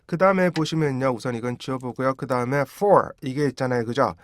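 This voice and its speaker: A man's voice: medium pitch, dry recording, studio quality. Korean man teaching English pronunciation. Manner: explains patiently, repeats words slowly to model sounds; asks rhetorical check questions. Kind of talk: classroom-style pronunciation lesson.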